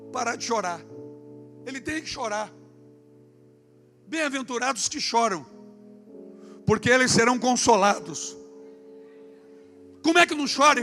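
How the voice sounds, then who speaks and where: High-voiced Brazilian pastor preaching. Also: male voice. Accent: Brazilian Portuguese. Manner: impassioned, swings from hushed to shouting. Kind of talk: sermon.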